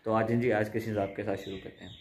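A young man with a Pakistani Punjabi accent narrates a casual home vlog outdoors at a house gate, working on a car and directing his family in a chatty way. His voice is lowish, husky and level, and he talks quickly.

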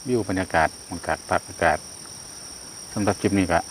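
Isan-accented fishing vlogger, low voice, excitable calls, crickets buzzing behind. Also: male voice, fairly quick. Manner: excitable, loud exclamations while fishing. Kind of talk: casual outdoor commentary. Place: outdoors by natural water. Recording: outdoor insect noise. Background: crickets and insects.

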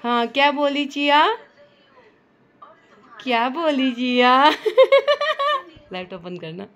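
A young mother speaks in playful baby talk to her toddler at home, teasing and coaxing him. Her voice sits high and swoops widely up and down, with an unhurried, drawn-out delivery. She laughs often between lines. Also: big pitch swings, a bit bright. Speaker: mother and family vlogger.

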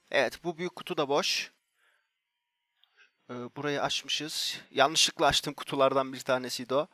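High, excitable guy opening loot boxes. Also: no echo. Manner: hypes every box, repeats himself, bursts into shouts. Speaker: gaming YouTuber. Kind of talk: excited game commentary.

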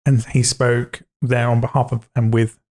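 A man's voice: medium pitch, level tone, moderate pace, darkish tone. A young man hosting a podcast interview, rambling, joking and cutting himself off mid-sentence. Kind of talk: casual conversational interview.

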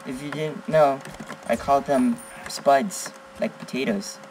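A teenage boy giving excitable gameplay commentary as a gaming channel host, blurting exclamations and teasing. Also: medium pitch, slow pace, a little hiss or hum, rough recording. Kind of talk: live gameplay commentary with chat.

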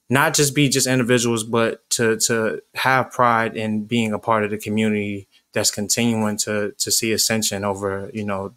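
A man's voice: on the low side, a bit bright. A man co-hosting a casual studio podcast, talking earnestly and reflectively with frequent restarts. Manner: earnest, reflective, repeats himself. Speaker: podcast co-host.

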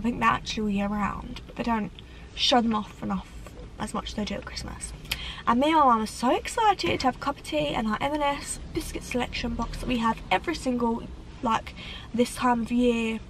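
A young woman chats animatedly to a dashboard camera in a parked car. Her voice sits high and bright as she gestures and lets out dramatic sighs. A faint hum of the car and the outside can be heard behind her. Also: rough recording. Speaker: vlogger. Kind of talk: casual chat to camera. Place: parked car on a rainy day.

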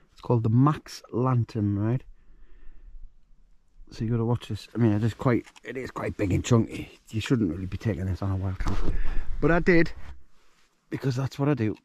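At a wild camp outdoors at night, a male outdoor vlogger cooks and shows off his gear in a casual cooking vlog, joking and chatting with rambling asides. His fairly low, darkish voice moves at a moderate pace with long pauses.

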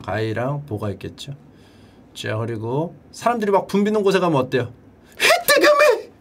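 A man streaming and chatting casually, drilling words by repetition in a playful way and breaking into shouted cheers. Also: very animated, a little fast, very noisy. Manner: playful, drills words by repeating them in a high echo. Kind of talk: casual livestream chat.

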